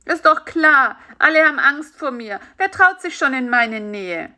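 A woman's voice: sits high, lively intonation, measured pace, bright, forceful tone, voice pushed up, exaggerated voice. A woman doing a sleepy, sulky spider. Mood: sad. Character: tired, stingy, lonely male spider. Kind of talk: children's story reading.

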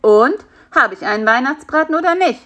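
A woman's voice: medium pitch, big pitch swings, normal speed, pitched above the performer's own voice. A woman voicing a fat, lazy male spider who acts the know-it-all but is timid at heart, in a storybook reading. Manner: sleepy, smug, fretful. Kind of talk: storybook character voice.

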